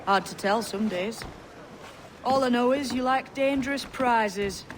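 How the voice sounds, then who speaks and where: A woman's voice: a little high, measured pace, slight background noise, natural voice. A woman playing a shrewd, teasing young pirate in a video game. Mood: knowing, teasing. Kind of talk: video game character acting.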